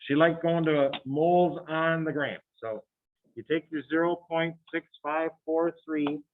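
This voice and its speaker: A man's voice: fairly high pitch, slight background noise. A man teaching a chemistry class, working problems aloud and quizzing his students in a chatty, thinking-aloud way. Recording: tinny phone-like classroom recording.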